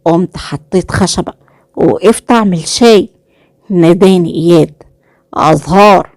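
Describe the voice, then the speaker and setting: A woman with an Egyptian accent narrating a romantic story in the first person, with an expressive, lively telling. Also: fairly low pitch, normal speed, no echo. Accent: Egyptian Arabic.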